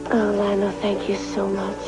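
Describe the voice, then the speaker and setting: A woman's voice: mid-range voice, completely flat delivery, normal speed, lightly acted, rough recording. An actress playing a troubled, self-doubting woman in a television soap opera, earnest and confiding. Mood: grateful. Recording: background music under dialogue.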